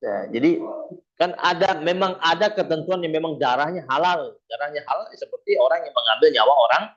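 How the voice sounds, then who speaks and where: Male preacher, casual lively sermon, slightly high pitch. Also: brisk, muffled recording. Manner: lively storytelling, acts out quoted voices. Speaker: Islamic preacher. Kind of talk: casual Jakarta-style sermon.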